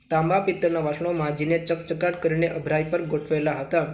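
A man with a Gujarati accent reads textbook questions and their answers aloud, in a steady question-and-answer manner, as a teacher. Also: fairly high pitch, slight background noise.

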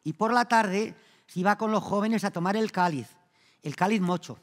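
Spanish comedian guy, high voice, telling village jokes and doing all the voices, big theatre echo. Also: moderate pace. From Spain. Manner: acts out the joke characters in raised, louder voices. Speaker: stand-up comedian. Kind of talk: comic monologue telling jokes. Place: theatre stage before an audience. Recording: long reverb of a theatre hall.

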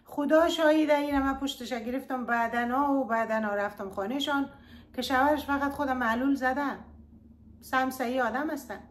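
A woman's voice: high-pitched, slight background noise. A woman with an Afghan Dari accent, telling a story to her online viewers and pleading with them to look after themselves. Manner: pleading, addresses listeners fondly. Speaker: YouTube storyteller giving advice. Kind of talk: earnest advice monologue to viewers.

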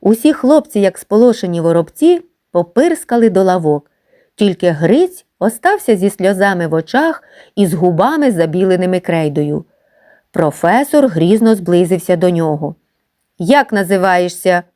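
A woman narrating a classic short story aloud with an expressive storytelling delivery. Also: fairly low pitch, moderate pace.

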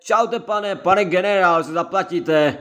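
A man's voice: high voice, fairly bright tone. A man with a head cold giving chatty, repetitive commentary on his gameplay and constantly addressing his viewers. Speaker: gaming let's-play creator.

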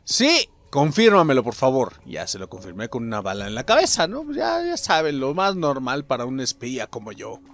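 A young adult man with a Mexican accent, giving loud, excitable gameplay commentary full of swearing, shouting and then muttering low. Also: brisk, hardly any pauses.

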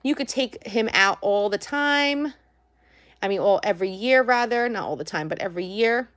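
A woman's voice: mid-range voice, lively intonation, moderate pace, fairly bright tone. A woman, chatty and girlish, gushing casually as she hosts a toy and candy unboxing vlog. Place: indoors at home, by a tabletop.

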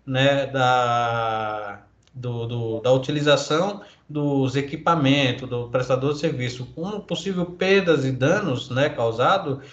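A man with a medium-pitched voice and a measured pace lectures online as a law professor. His Brazilian Portuguese accent comes through as he reads legal articles and explains them, full of fillers and tag questions, on echoey, dull, lo-fi call audio.

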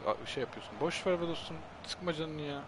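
A young man giving excited live commentary on a football video game, repeating his phrases urgently. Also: fairly high pitch, a little fast. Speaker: gaming streamer. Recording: clear game crowd noise behind.

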